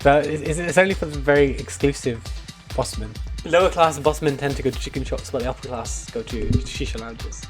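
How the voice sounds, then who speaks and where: A man's voice: medium pitch, fairly quick, soft background music. A young British man streaming a mock lesson to his chat in a mock-serious manner, prone to chuckling.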